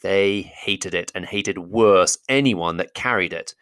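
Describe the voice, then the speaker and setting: A man narrating a classic fantasy novel as an audiobook, with a steady, measured storytelling delivery. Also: deep voice, clean tone, no echo. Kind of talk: audiobook reading.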